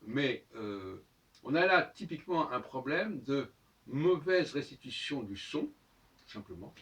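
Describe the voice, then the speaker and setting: A man in a halting, unscripted solo monologue who keeps pausing on fillers and restarting his sentences. His voice sits at an ordinary middle pitch. He is heard from a little way off the microphone. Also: big pitch swings, fairly bright tone, distant mic. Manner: spells out letters one by one. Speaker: host of his own channel.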